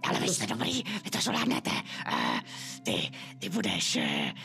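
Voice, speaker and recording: A man's voice: wildly swooping pitch, gravelly, pushed and bright, soft background music, exaggerated voice. A man voicing a fussy, demanding floating skull who directs a play, bossy and theatrical. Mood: coaxing. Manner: bossy, theatrical, shrill outbursts.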